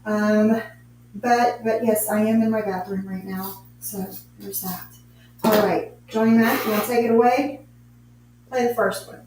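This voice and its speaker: A woman's voice: mid-range voice, steady tone, a little slow, a little mellow. A woman casually hosting a live chat from her bathroom, her voice ringing with a cave-like echo and repeating little words like "yes, yes.". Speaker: host of an online audio chat room. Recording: echoey bathroom, far from the mic, faint noise. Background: generator hum.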